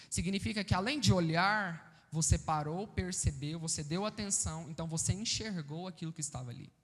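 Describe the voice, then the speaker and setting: A man with a Brazilian accent preaching a sermon, explaining a passage and asking the congregation questions. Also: high voice. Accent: Brazilian Portuguese. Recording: reverberant church hall.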